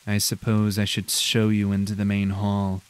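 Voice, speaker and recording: A man's voice: clear, resonant tone, natural voice. A man putting on a smug, nasal professor droning along. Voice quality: nasal, high monotone. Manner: cold, slow and drawn-out. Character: smug, condescending male professor giving a tour.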